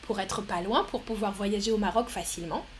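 A woman hosting a live stream, talking slowly and clearly as she reads out viewer comments and answers them with frequent light laughter. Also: medium pitch, slight background noise. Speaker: livestream host.

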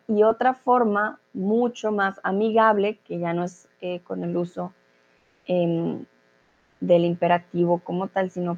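A woman's voice: mid-range voice, darkish tone, lo-fi sound. A woman teaching a Spanish grammar lesson online, explaining patiently and often checking in with her students.

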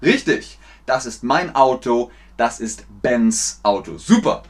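A man teaching German pronunciation and grammar, slowly repeating words and sentences for learners to copy. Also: mid-range voice, lively intonation. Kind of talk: slow, clear language lesson.

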